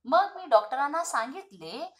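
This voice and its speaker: A woman tutor explaining a school lesson. She reads each line, then explains it simply in an animated storytelling way. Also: high-pitched, normal speed.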